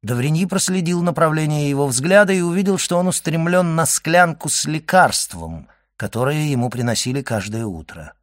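A man's voice: fairly high pitch, moderate pace, few pauses, dry recording. Man reading a novel aloud, dry sound. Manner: even, steady literary reading. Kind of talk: audiobook narration.

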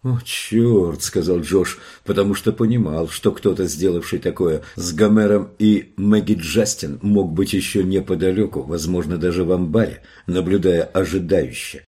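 A man reading a novel aloud as an audiobook narrator, telling a tense scene in a steady voice. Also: low-pitched, normal speed, hardly any pauses, slightly rough. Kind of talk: scripted narration.

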